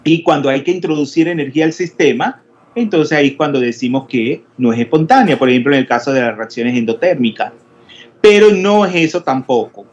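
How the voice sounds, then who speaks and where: A man's voice: fairly high pitch, a little fast. A man teaching a chemistry class online, explaining step by step and questioning his students, with frequent hesitations. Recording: dull lo-fi audio with faint noise.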